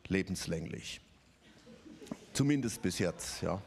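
A man's voice: sits low, expressive, takes it slowly, creaky, darkish tone, a little hiss or hum. A man from the Stuttgart region preaching a conversational sermon, with many fillers and little tag questions. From Ludwigsburg area, Germany.

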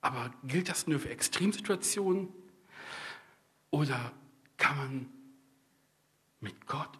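A middle-aged pastor from East Westphalia delivers a sermon in a husky, breathy voice at a middling pitch. He talks to the congregation like a friend, drifting into personal anecdotes and wry jokes. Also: animated, slow. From East Westphalia, Germany. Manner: personal storytelling with humorous asides; conversational, addresses the congregation directly.

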